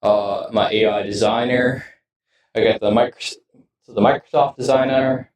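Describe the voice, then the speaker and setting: Recorded from afar in a room full of echo, with music and slight background noise, this low-voiced man from the United States talks in a fairly even, slightly mellow tone. He's a game streamer in his home setup, giving a loose vlog-style ramble that stalls and frequently trails off before sentences finish.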